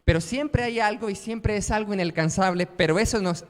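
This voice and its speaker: High-voiced preacher in a reverberant hall. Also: male voice, brisk. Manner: storytelling with quoted voices, rhetorical questions. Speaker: pastor. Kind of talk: sermon. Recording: long reverb of a church hall.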